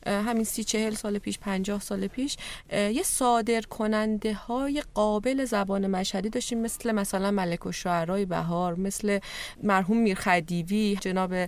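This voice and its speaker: A woman from Mashhad hosting a studio talk show, chiming in often and pausing on fillers as she makes her points. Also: medium pitch, fairly even intonation. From Mashhad, Iran. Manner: chimes in with frequent affirmations, hesitant fillers.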